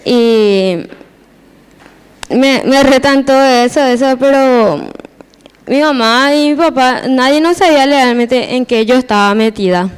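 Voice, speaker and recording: A woman's voice: high-pitched, animated, measured pace, smooth. A teenage girl giving a personal church testimony, hesitant and repeating her words as she restarts.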